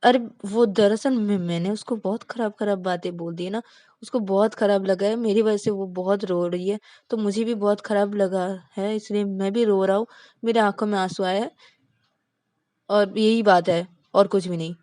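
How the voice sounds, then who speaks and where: A woman's voice: mid-range voice, fairly even intonation, normal speed, mellow, no echo, close to an everyday voice. A woman voicing a young man who is tearful, defensive and stammering, in a told story. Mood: guilty. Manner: stammering, pleading.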